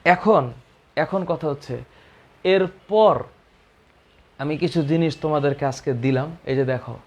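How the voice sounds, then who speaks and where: A man's voice: a little high, measured pace. A man teaching a biology lesson, repeating key terms and answering his own questions.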